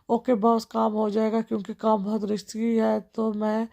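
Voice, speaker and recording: A woman's voice: a little high, flat delivery, vocal fry, dark tone. A woman voicing a mercenary male henchman who talks bluntly about his fee. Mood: businesslike. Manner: blunt, businesslike. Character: mercenary male henchman haggling over pay.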